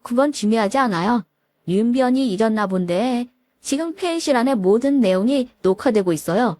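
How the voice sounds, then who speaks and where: A woman voicing an older man who heads a law firm and speaks calmly and firmly as a protective father. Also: fairly high pitch, normal speed, no echo.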